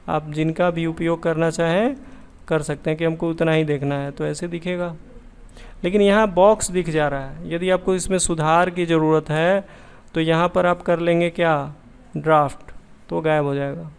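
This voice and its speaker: Male computer tutor, slightly high voice with gravel and a smooth, resonant tone, talks things through casually as he works. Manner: chatty, thinks aloud, self-correcting. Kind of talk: casual screen-share tutorial.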